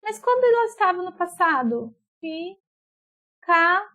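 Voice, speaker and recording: Woman teacher, high bright voice, slow and patient, drags out words, checks that the pupils follow. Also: lively intonation. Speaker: school teacher. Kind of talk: remote class explanation.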